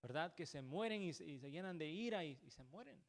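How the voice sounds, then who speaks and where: A man with a slightly high voice preaching a church sermon. He keeps turning to the congregation with "brother" and "right?" and restarts his words often. English words slip into his preaching now and then. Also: animated, fairly quick, gravelly. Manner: peppers talk with "hermano" and "¿verdad?".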